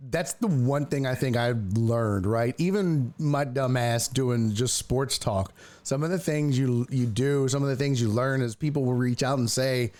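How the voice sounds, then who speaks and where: A man's voice: unhurried, a little mellow. A man hosting a sports talk show, chatting casually and joking playfully with his guest. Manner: joking, playful, swings into high disbelieving tones. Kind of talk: casual interview chat.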